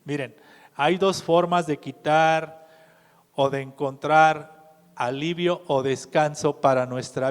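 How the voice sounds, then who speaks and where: Male preacher, somewhat high voice, unhurried sermon delivery that asks the room questions, reverberant church hall. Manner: measured, asks the congregation questions.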